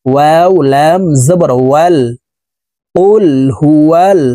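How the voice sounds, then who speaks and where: A man's voice: fairly high pitch, warm tone, dry recording. Man teaching Quran pronunciation. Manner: spells letters and vowel marks one by one, then chants the words drawn out; brisk explanatory teaching between recitations. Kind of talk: slow spelled-out recitation lesson.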